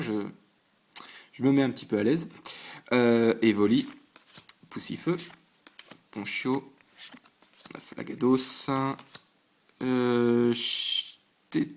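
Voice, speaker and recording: A man with a mid-range, slightly mellow voice sits at his home desk under a lamp, opening trading card packs for his channel. His commentary is casual but halting, full of fillers and restarts, as he goes through items one by one with fast reactions.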